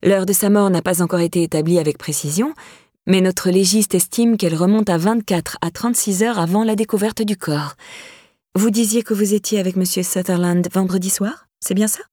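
Woman reading female detective, light, melodious, probing, husky, dry. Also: mid-range voice, steady tone, moderate pace, warm tone, dry recording, natural voice. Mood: sing-song.

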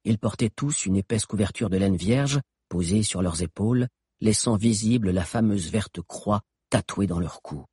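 Husky-voiced man narrating a story. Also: lowish voice, moderate pace, no room sound, clean studio sound. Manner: expressive storytelling, voices characters. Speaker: audiobook narrator. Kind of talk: scripted narration.

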